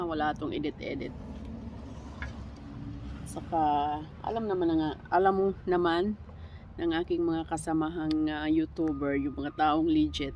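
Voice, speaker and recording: A woman's voice: deep voice, lo-fi sound. A woman vlogging casually in her backyard, chatty and teasing with lots of exclamations. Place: backyard outdoors. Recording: loud background noise. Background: barking dog.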